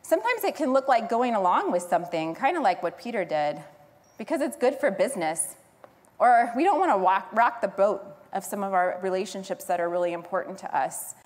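A woman preaching a sermon in an earnest, storytelling manner, leaning on key words for emphasis. Her voice sits at an ordinary middle pitch. A long hall reverb follows every phrase. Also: animated, a little fast.

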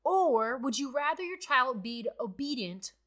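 Bright-voiced woman teaching Bible study. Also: sits high, sing-song, unhurried. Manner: conversational, earnest, many "like" fillers.

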